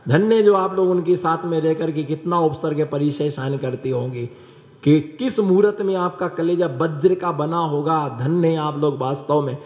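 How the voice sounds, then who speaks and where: Man, monk preacher, high voice, quizzes his listeners, echoey hall. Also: normal speed. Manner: rhetorical questions to the audience, repeats phrases. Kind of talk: sermon with storytelling. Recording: echoey hall, dull sound.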